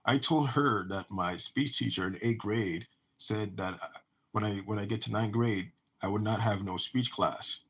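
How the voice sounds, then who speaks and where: A man's voice: on the low side, moderate pace, a bit bright, husky. A man who talks about his own life in a rambling monologue, often restarting and repeating words. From United States. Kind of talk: personal monologue.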